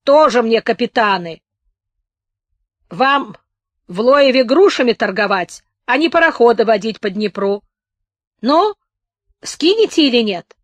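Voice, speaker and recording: A woman's voice: on the high side, animated, measured pace, long pauses, no echo, voice pushed up. A woman voicing a stubborn, cunning old village man who grumbles and quarrels in rustic speech in an audiobook. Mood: quarrelsome.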